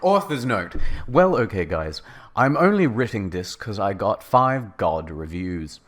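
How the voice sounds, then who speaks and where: A man's voice: fairly low pitch, sing-song, a bit bright. Guy putting on a whiny defensive teen girl writer, drawn out and bratty. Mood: indignant. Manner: petulant, indignant, drawn-out words. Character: whiny defensive teenage girl fanfic author.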